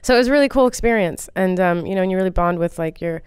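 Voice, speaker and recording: A woman's voice: on the low side, fast talker, a little mellow, clean tone, dry recording, clean studio sound. An American woman comedian chatting casually as an interview guest, rambling and self-deprecating with plenty of fillers. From United States.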